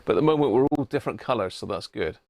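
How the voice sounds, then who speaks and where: A middle-aged Englishman hosts a live stream for a radio hobby channel, chatting informally and thinking aloud as he demonstrates things. His medium-pitched voice is expressive, rapid-fire, creaky and darkish in tone. The wireless body-pack mic gives a dry recording.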